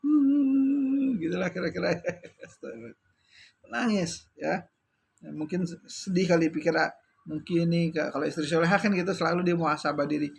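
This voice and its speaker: A man preaching a sermon, telling stories with lively drama and dropping short "ya" tags between phrases. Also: high-pitched, moderate pace, vocal fry, breathy edge. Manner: lively storyteller, acting out the characters he tells about.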